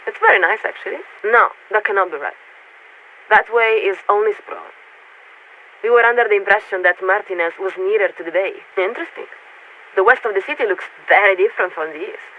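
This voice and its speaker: In a video game, a woman voices a warship officer who is polite yet detached as she surveys a city, her medium-pitched speech formal, measured, and hesitant whenever she searches for words. She sounds musing and courteous. It comes through a military radio filter, tinny and narrowband with hiss.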